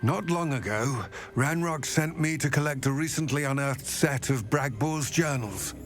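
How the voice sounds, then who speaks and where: An actor playing a grave, wary male goblin ally in video game dialogue, speaking in a formal, measured way. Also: medium pitch, natural voice. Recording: game audio with loud music. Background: game music.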